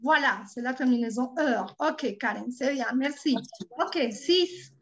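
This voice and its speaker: A woman with a Colombian Spanish accent, a native Spanish speaker, tutoring French over a video call. She repeats words slowly and patiently. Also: high voice. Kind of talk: online language lesson. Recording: dull lo-fi online call audio.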